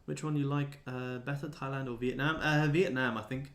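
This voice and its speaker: His voice is medium-pitched, steady and a bit bright, moving at a moderate pace. This man in his twenties hosts a livestream as a day trader, casually answering viewers in a laid-back, blokey, sweary style.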